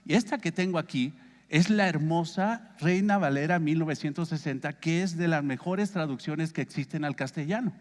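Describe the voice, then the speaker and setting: A man's voice: fairly high pitch, normal speed, big-room sound. A man with a Mexican accent teaching a Bible study as pastor, conversational and asking his listeners questions. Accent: Mexican Spanish. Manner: conversational, asks the congregation questions.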